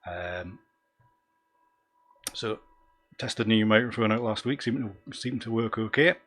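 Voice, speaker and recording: A man's voice: lowish voice, a little slow, a bit bright. A man with a Northumbrian accent hosting a casual live stream, talking in a rambling, self-deprecating and easily sidetracked way. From Northumberland, England. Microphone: desktop microphone.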